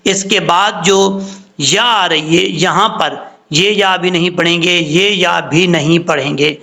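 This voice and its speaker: A man teaching Quran recitation, explaining slowly and spelling out letters with drawn-out chanted examples. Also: high-pitched, steady tone, sharp tone. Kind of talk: recitation lesson.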